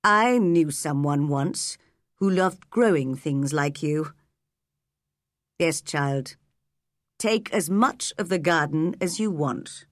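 A woman playing a weary, gentle old gentleman. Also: deep voice, animated, no room sound, clean studio sound, pitched below the performer's own voice. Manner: slow, gentle, tired. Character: weary, sad, kindly older gentleman.

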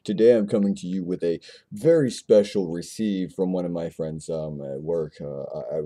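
A man's voice: low-pitched, mellow. A man hosting a casual beer review video, talking in a rambling way and stumbling over his words.

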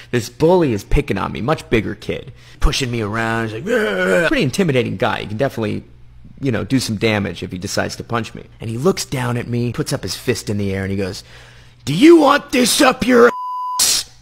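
A man telling a funny childhood anecdote in a stand-up style, with deadpan delivery and punchline timing. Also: on the low side, quick pace, creaky, husky.

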